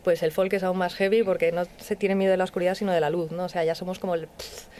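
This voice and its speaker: A woman's voice: lowish voice, level tone, fast, mellow, slight background noise. Hesitant woman musician. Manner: hesitant, many fillers, laughs easily. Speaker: musician guest. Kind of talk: radio interview. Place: radio studio.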